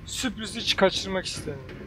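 A man with a high-pitched voice talks through a horror game as he plays it, cracking jokes and thinking out loud. He gets excitable and yells at the enemies, then drops back into muttered planning. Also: a little fast, heavy background noise. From Turkey. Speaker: gaming channel host. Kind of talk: let's play commentary.

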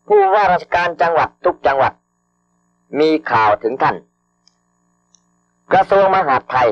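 A man slowly dictating official government orders over radio, formal and measured, repeating each phrase and reading out the punctuation. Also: mid-range voice. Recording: dull lo-fi archival radio broadcast.

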